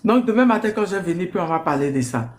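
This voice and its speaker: A woman hosting a live stream on her phone, explaining the news in a brisk, plain way to a guest on the call. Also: fairly low pitch, lively intonation. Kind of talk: casual live-stream chat.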